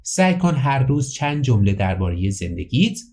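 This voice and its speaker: Man, bilingual English lesson, slow careful English, quick translations, lively intonation. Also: medium pitch. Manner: reads English slowly and clearly, then translates quickly into Persian. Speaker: English teacher.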